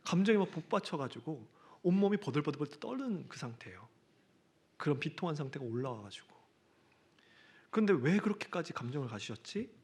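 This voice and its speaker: A man preaching a sermon in church, swinging from loud declarations to hushed, intimate asides. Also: sits high. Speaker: pastor.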